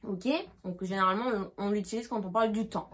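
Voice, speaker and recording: A woman's voice: medium pitch, steady tone, fast, a bit bright. A woman teaching English vocabulary, who repeats each example, translates it and checks with "d'accord?". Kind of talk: explaining grammar.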